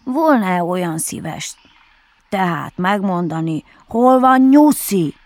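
A woman voicing a polite, food-loving male bear who reasons slowly and ponderously, for a storybook reading. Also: fairly low pitch, animated, darkish tone, no room sound, close to an everyday voice. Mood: musing. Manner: slow, puzzled, ponderous reasoning.

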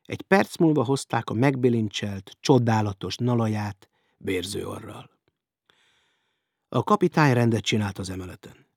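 Husky male audiobook narrator. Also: on the low side, animated, no echo, studio quality. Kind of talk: audiobook reading.

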